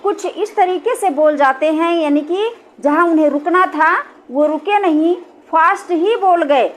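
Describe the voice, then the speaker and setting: A woman with a high, light voice teaches a grammar lesson. She talks patiently, repeats her points and keeps checking that her listeners follow. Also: a little slow. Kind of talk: explaining a Hindi grammar lesson.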